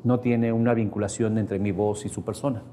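A man's voice: lowish voice, level tone, a little fast, warm tone, slight background noise. A man with a Mexican Spanish accent teaching a seminar group, explaining in a chatty way with everyday examples and checking in with his listeners. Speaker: seminar instructor. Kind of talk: workshop lecture to a live group. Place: seminar room with a live audience.

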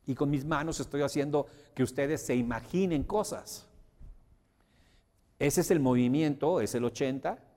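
Animated man lecturing in a hall. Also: normal speed. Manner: lively, theatrical pitch swings, demonstrating voice inflection; addresses the audience with questions. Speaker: communication trainer. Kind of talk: seminar lecture to an audience. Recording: long reverb of a hall.

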